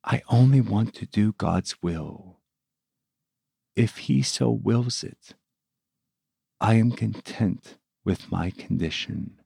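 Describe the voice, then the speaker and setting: Gentle teenage boy, read by a man, storybook, slow and dry-sounding. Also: fairly low pitch, gravelly, breathy edge, no echo, exaggerated voice. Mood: meek. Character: young teenage boy, sick, gentle and devout.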